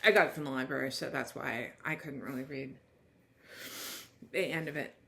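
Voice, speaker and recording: A woman's voice: very deep voice, moderate pace, vocal fry, bright, forceful tone. A woman reviewing a book, reading its blurb aloud and then chatting loosely with many restarts. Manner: rambling, many restarts and trailing thoughts. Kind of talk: casual book review chat.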